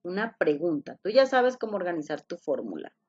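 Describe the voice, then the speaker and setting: A woman's voice: fairly low pitch, big pitch swings, a little fast, a little mellow, husky, muffled recording. A woman teaching an online English class, explaining patiently, repeating key points and asking her students questions.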